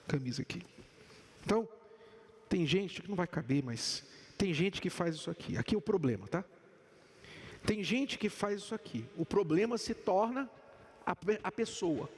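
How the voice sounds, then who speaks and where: A man's voice: fairly high pitch, creaky, breathy edge, long reverb tail. A man with a Brazilian accent giving a sermon-like talk on relationships, emphatic and full of rhetorical questions. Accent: Brazilian Portuguese. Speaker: couples speaker.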